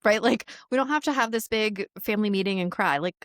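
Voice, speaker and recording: A woman's voice: mid-range voice, fast, fairly bright tone, dry recording. A woman with a mid-range voice speaks as a podcast guest, candid and blunt, and laughs often as she talks. Her voice is recorded close and dry. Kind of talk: casual interview chat.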